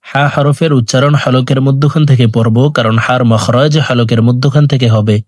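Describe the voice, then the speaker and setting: A man teaching Quran reading, reciting letters and vowel marks in a slow drill with quick explanations in between. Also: medium pitch, steady tone, no echo, studio quality. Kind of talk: recorded recitation lesson.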